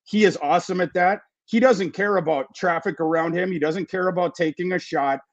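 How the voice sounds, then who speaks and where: A man giving fantasy football analysis in a casual podcast chat, talking quickly and restarting his sentences. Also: high-pitched, lo-fi sound. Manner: fast, repeats words and restarts often.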